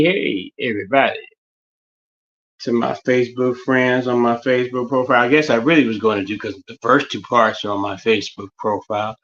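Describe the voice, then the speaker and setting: A man's voice: medium pitch, fairly bright tone, lo-fi sound. A man with a West Virginia Appalachian accent rambling through a casual livestream monologue, often repeating and restarting his phrases. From West Virginia, United States.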